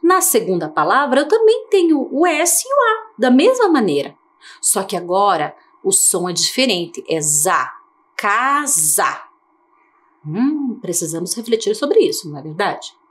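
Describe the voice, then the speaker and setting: A woman teacher from Brazil giving a televised lesson to young children, slow and coaxing, asking many questions. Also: fairly high pitch, huge pitch swings. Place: TV studio.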